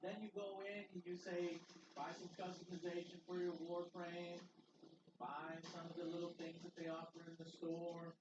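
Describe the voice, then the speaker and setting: A man giving live gameplay commentary, excitable and swearing freely as he plays. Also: high voice, normal speed, echoey room, far from the mic, highs cut off, noisy background. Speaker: game streamer.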